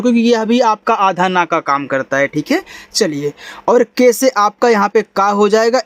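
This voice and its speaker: High-voiced male teacher, close dry sound. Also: dry recording. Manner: patient, repeats and checks with the listener. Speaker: English teacher. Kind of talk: step-by-step spoken lesson.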